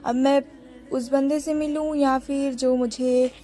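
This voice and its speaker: A woman's voice: high-pitched, flat delivery, slow, dark tone, soft background music. A young woman narrating her vlog in a casual, chatty way and talking to her viewers as friends. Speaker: vlogger.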